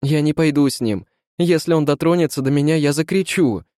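A man's voice: a little fast, darkish tone, dry recording, clean studio sound, lightly acted. A man voicing a terrified young woman. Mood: frantic pleading. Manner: high, urgent cries. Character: frightened young woman, desperate and pleading.

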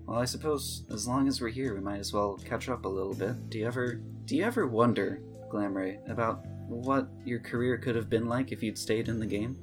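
A man voicing a weary adult woman who calmly questions an old friend. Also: mid-range voice, a little fast, hardly any pauses, over music, lightly acted. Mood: reproachful.

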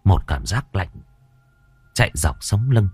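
A man narrating a horror story slowly and expressively. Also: low voice, very animated, a little mellow, husky, dry recording.

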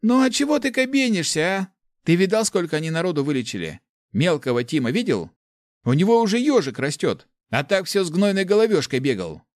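A man voicing a skinny, quick-tongued young man who scolds loudly and bosses his friend around, in an audiobook. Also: medium pitch, very animated, no echo, clean studio sound, pitched above the performer's own voice, close to an everyday voice. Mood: scolding. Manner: loud, scolding, fast banter.

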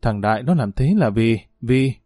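A man's voice: mid-range voice, animated, moderate pace, dark tone, no room sound, clean studio sound, natural voice. A man voicing a middle-aged mother who reproaches her in-law in a spoken family drama. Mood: reproachful. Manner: earnest, reproachful.

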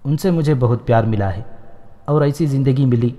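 A man's voice: mid-range voice, mellow, natural voice. A man reading as an innocent, witty young woman. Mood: tender. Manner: simple, artless speech with quick wit. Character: innocent, playful young woman raised by an elderly scholar. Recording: long hall reverb.

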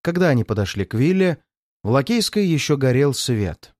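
A man narrating a detective story as an audiobook reader, with expressive storytelling. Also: mid-range voice, normal speed, no echo, studio quality. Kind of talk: scripted narration.

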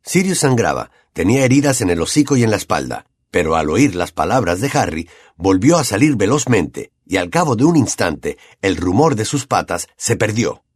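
Husky, lively male audiobook narrator. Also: fairly low pitch, normal speed, dry recording, clean studio sound. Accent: Latin American Spanish. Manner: expressive, dramatic storytelling.

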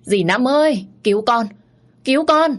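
A woman's voice: fairly low pitch, moderate pace, a little mellow, natural voice. A woman voicing a timid young servant girl who speaks meekly and pleads. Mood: terrified. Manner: meek, pleading.

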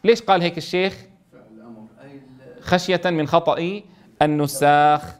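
A man teaching Quran recitation, explaining a text and slowly drawing out letters to demonstrate, often checking that his students follow. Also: on the high side, steady tone. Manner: keeps checking understanding, slowly draws out sounds to demonstrate. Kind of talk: explaining a tajweed text in class.

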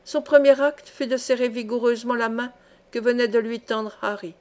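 A woman reads a classic adventure novel aloud as an audiobook. Her narration is steady and goes phrase by phrase, in a fairly high voice. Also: normal speed. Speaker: audiobook reader.

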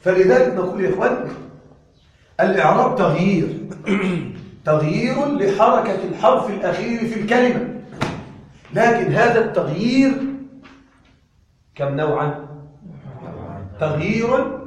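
A man teaching Arabic grammar in a classroom lecture, lively, often asking his students questions and answering them himself. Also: sits high, moderate pace, pauses often. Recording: echoey room, from far off.

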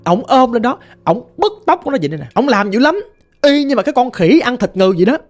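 A woman telling a ghost story in a lively, vivid way with a Southern Vietnamese accent. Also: fairly high pitch, fast. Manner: lively, vivid, sound-effect words.

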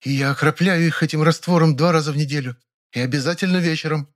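A man's voice: medium pitch, flat delivery, fairly quick, pitched above the performer's own voice, lightly acted. A man voicing an older woman, a proud amateur gardener who boasts and fusses over her plants. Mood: instructive. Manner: boastful, fussy.

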